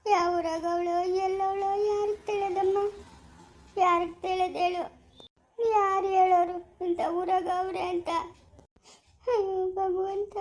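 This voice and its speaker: A woman acting an aging mother in a rural family drama, lamenting and wailing as she talks. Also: a little mellow. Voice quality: high-pitched, wailing and lamenting. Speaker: actor playing an old grandmother.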